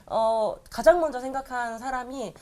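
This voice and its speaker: A woman comedian with a fairly high voice, speaking at normal speed, shares a personal testimony. She tells it vividly as animated storytelling, acting out the voices of the people involved.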